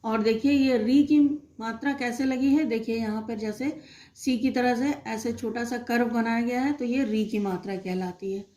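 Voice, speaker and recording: A woman teacher slowly and patiently explaining a Hindi phonics lesson to young children, asking them questions as she goes. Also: fairly high pitch, fairly even intonation, warm tone. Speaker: primary school teacher.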